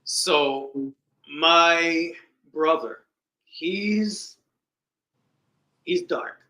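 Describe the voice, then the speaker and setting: A man's voice: fairly high pitch, very slow. A man chatting on a podcast and telling a family story, acting out the people in it. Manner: animated storyteller, acts out voices in quotes. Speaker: podcast co-host. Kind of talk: casual conversation and storytelling. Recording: echoey room.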